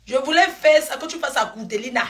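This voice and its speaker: A woman's voice: sits high, lively intonation, a little fast, fairly bright tone. Middle-aged woman streamer, gushing and rambling, drifting between affectionate asides and gossip. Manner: effusive, calls viewers endearments, drifts between topics. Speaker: live streamer. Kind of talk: rambling live-stream chat.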